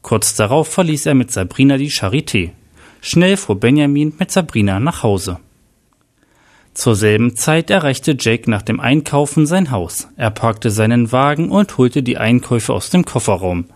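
Guy reading out a crime story, steady and plain, middle pitch. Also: normal speed. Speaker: narrator.

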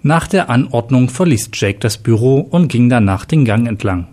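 Man narrating, mellow voice. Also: medium pitch, normal speed. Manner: steady storytelling read. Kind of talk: scripted narration.

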